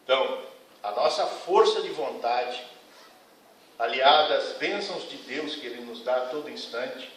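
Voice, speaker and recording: In a spiritist center's lecture hall, a man speaks frankly to the congregation, earnest and admonishing. His medium-pitched voice is animated, unhurried and a bit bright. The echoey hall is recorded from a distance with a little hiss or hum.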